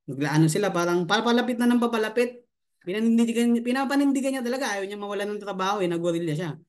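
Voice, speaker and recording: A man's voice: high voice, expressive, fast talker. A man who coaches affiliate marketing, telling a funny story on a live stream and laughing often as he chats.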